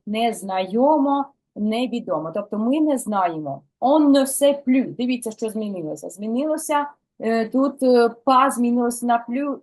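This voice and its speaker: A woman's voice: a little high, darkish tone. Patient woman teaching French. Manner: patient, slows down to model French pronunciation. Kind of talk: language lesson, explaining song lyrics.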